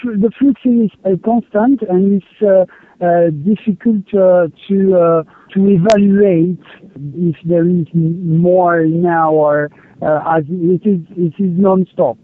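Slow hesitant man on a crackly satellite phone. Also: sits high, steady tone. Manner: hesitant, many pauses and filler sounds. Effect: distorted satellite phone line. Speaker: aid field coordinator interviewed by phone. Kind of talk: remote interview answers. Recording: tinny satellite phone line.

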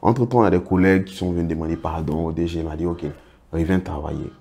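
Deep gravelly man. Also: steady tone, racing, warm tone. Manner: recounts anecdotes, acts out others' words. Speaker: interview guest, project financing consultant. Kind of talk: storytelling in a casual interview.

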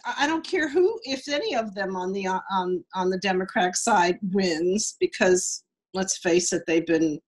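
A woman's voice: mid-range voice, lively intonation, moderate pace, breathy edge. A woman with a New York accent joining a casual webinar chat, rambling and full of fillers. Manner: chatty and rambling, with many fillers. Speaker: webinar participant.

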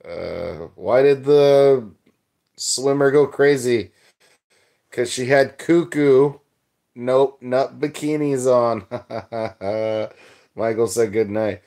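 Speaking very slowly with vocal fry, a young adult man runs a livestream in a warm, mid-range voice. He rambles loosely, leans heavily on filler words, and reads viewer comments aloud as he chats.

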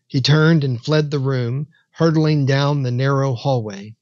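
A man narrating a scripted horror story in a slow, measured, dramatic way. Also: medium pitch, no echo, lo-fi sound.

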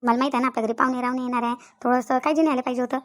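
In a comedy cartoon, a woman voices a quarrelsome village wife and mother with a rural Vidarbha Marathi accent, scolding aggrievedly and repeating her complaints. Her voice is high-pitched with little pitch movement, racing, and close to everyday speech.

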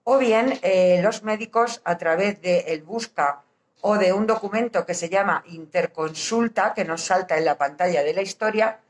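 A woman with a Castilian Spanish accent explains her work as a hospital social worker informally, with hesitant pauses, her voice slightly muffled through a face mask. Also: on the low side. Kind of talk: informal explanatory talk to camera. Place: small indoor hospital office.

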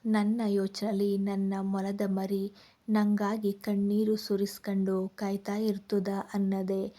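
Woman playing a tender young village husband, remorseful, soft rustic speech, slow and level, mellow tone, audio storybook. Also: medium pitch, monotone, slight background noise, close to an everyday voice. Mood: tender, apologetic.

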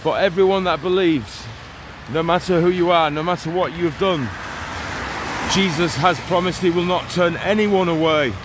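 Out on a town street in the rain, a vlogging evangelist in his forties preaches as he walks, holding his phone at arm's length. He talks at a normal speed in a voice a touch high for a man, earnest and urgent, going over the same points repeatedly. Traffic passes audibly behind him.

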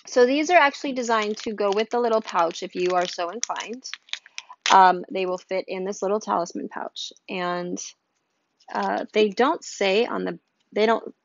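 A woman's voice: medium pitch, lo-fi sound, a little hiss or hum. A woman chatting casually at home as she unboxes a subscription box, rambling and reading items aloud with asides. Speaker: unboxing vlogger. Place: room at home, storm outside.

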